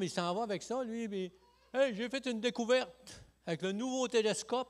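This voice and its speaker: A male pastor from Lac-Saint-Jean with a Quebec French accent, giving a lively, joking evangelical sermon full of "hey" and "amen" interjections. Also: a little high. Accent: Quebec French, Saguenay–Lac-Saint-Jean. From Quebec, Lac-Saint-Jean region. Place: church sanctuary.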